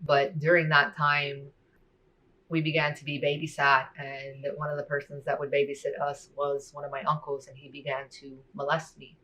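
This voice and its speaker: A woman sharing a personal faith testimony in a soft-spoken, reflective way, often saying "you know" and "like.". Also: a bass voice, monotone, a little fast, hardly any pauses, low-quality recording.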